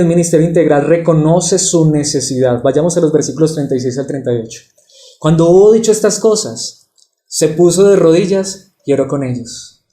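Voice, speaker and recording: A man preaching an expository sermon to his congregation, earnest and personal, often pausing with rhetorical questions. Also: fairly high pitch, dark tone, roomy sound. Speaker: pastor. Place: church.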